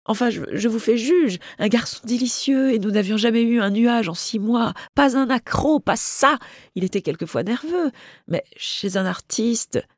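A reader voicing a tearful young Parisian society woman who stammers and speaks in a breathy, wavering, raised voice, in a literary audiobook reading. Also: medium pitch, moderate pace, no echo, clean studio sound, voice pushed up, lightly acted. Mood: earnest, animated.

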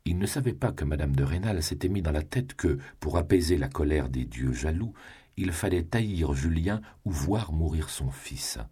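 A man reading a novel aloud in a measured, grave narrating voice. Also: extremely low pitch, lively intonation, warm tone, slightly rough. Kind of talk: scripted audiobook narration.

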